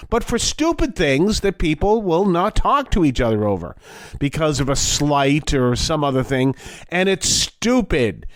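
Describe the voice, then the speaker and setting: A man's voice: medium pitch, dry recording, studio quality. Wheezy man hosting a faith talk show. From Massachusetts, United States. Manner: rambling, animated storytelling with acted-out quotes. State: wheezing from allergies. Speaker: religious talk show host. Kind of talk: casual, conversational faith talk.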